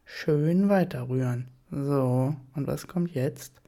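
A woman voicing a dominant man's low murmur. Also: takes it slowly, mellow, heavily acted. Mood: teasing. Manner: low, teasing, bossy murmur near the ear. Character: dominant commanding adult man, low murmuring. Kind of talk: erotic audiobook reading.

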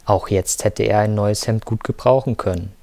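Deep-voiced male audiobook narrator. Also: no echo. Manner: steady, measured storytelling. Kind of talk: scripted narration.

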